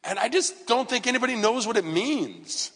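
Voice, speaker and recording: A man in his fifties preaching a sermon as pastor, conversational with self-deprecating asides and sudden loud outbursts. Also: extremely high pitch, expressive, normal speed. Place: church sanctuary. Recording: long reverb of a church hall.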